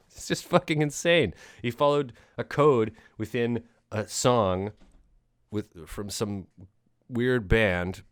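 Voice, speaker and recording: A podcast host with a fairly low-pitched voice rambles casually about a film, full of fillers, restarts and offhand swearing. The recording is dry, with a clean studio sound.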